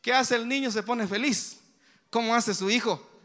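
A man's voice: extremely high pitch, normal speed, sharp tone, long reverb tail. A man preaching a sermon in a church, often addressing the congregation as brothers and putting direct questions to them. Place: church hall.

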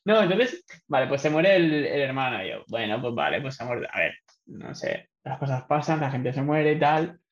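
A man's voice: mid-range voice, sing-song, normal speed. A man from chatting casually about a film, meandering and hedging in a laid-back way. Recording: echoey, dull lo-fi sound.

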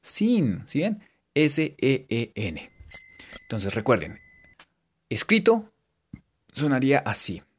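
A man giving a casual, joking English lesson and repeating English words slowly for his students. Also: mid-range voice, wildly swooping pitch, a little hiss or hum. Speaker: English teacher. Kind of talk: casual bilingual language lesson.

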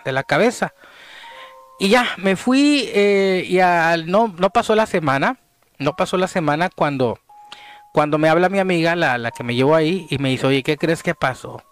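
Animated Mexican man telling a story. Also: on the high side, moderate pace, clear, resonant tone. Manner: animated, drops to hushed tones at tense moments. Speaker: podcast guest telling a story. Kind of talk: casual storytelling.

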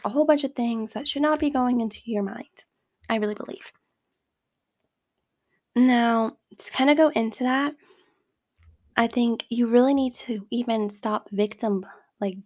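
Giving advice as host, a woman speaks with fairly high pitch at a moderate pace, chatting casually with lots of "like" fillers. Quoted remarks get acted out in a brighter tone.

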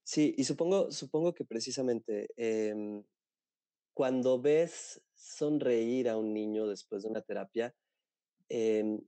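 A man's voice: mid-range voice, slow, warm tone, no room sound. A man with a Mexican accent interviewing, asking long questions full of fillers and restarts. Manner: hesitant questions with many fillers.

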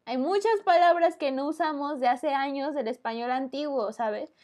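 High-voiced, opinionated Mexican woman. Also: moderate pace, darkish tone. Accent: Mexican Spanish. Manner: opinionated, emphatic, slangy. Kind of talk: casual chat.

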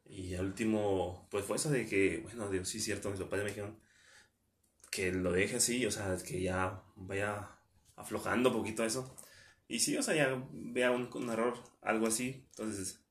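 A man's voice: on the low side, moderate pace, roomy sound. A young man with a Mexican accent, chatting casually as a podcast host, telling a personal story and acting out what people said. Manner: chatty storytelling, acts out quotes. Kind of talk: casual chat.

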